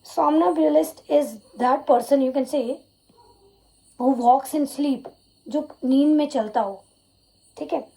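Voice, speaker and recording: A woman's voice: high voice, a little fast, vocal fry, pauses often, dark tone, low-quality recording. A woman English teacher with an Indian accent giving an exam-prep vocabulary lesson, spelling words letter by letter and adding Hindi glosses, often saying "you can say". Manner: repeats "you can say" as a filler.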